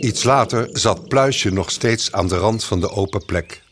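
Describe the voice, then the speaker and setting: A man narrating a children's story in an expressive, storytelling manner. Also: fairly low pitch, unhurried, background noise. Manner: lively, expressive. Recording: music bed under the voice.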